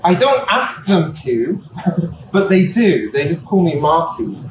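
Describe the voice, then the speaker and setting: A middle-aged man giving a relaxed university lecture, explaining with examples and laughing at himself. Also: on the high side, slow, slight background noise. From England. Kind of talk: classroom lecture. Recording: echoey room, distant mic.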